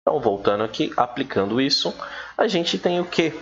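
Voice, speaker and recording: A man giving a casual recorded English lesson, chatty and relaxed, stretching out his English examples slowly. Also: on the high side. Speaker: English teacher. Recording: dull, lo-fi with faint noise.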